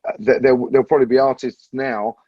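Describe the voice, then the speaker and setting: Husky man, dry lo-fi sound. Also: mid-range voice, fairly even intonation, fast talker, no room sound. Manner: thoughtful, circles back to restate points. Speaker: podcast panelist. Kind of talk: casual podcast discussion.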